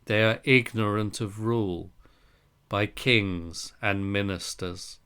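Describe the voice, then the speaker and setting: A man with a smooth, resonant, fairly low voice reads a Buddhist scripture aloud. He takes it very slowly, in short deliberate phrases, as a scripted reading. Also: fairly even intonation, a bit bright. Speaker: reader of a Zen Buddhist text.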